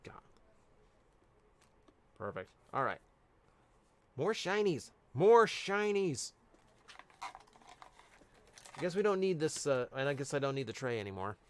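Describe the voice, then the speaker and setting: A man's voice: mid-range voice, animated, a little slow, pauses often. Chatty man opening card packs. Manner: chatty, reads out cards, answers chat. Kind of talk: casual live-stream chat.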